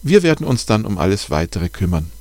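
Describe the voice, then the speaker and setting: A man voicing a calm, helpful female bat expert who gives careful instructions in a raised voice, reading a storybook. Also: on the low side, brisk, no room sound. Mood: instructive.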